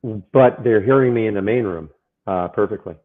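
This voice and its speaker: A man's voice comes through muffled and boxed-in, as if he were speaking from inside a fishbowl. The tinny, phone-like sound is thin and narrow. He sits a bit low for a man and talks in a halting, hesitant way, repeating himself. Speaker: day-trading livestream host. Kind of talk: casual live-stream chat. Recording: muffled, tinny wrong-mic audio.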